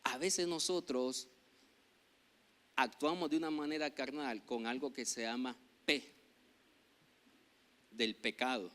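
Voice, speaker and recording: A man with a Nicaraguan Spanish accent, a pastor preaching a sermon, growing loud when he reads scripture and joking with the congregation. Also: mid-range voice, slow, pauses often.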